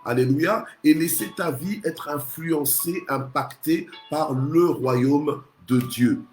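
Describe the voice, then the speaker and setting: A man's voice: on the high side, takes it slowly, darkish tone, soft background music. A male pastor from Congo preaching a morning sermon, punctuating nearly every phrase with alleluia and amen and often restarting his words. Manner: restarts and repeats words while searching for phrasing. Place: church. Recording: roomy echoey church sound.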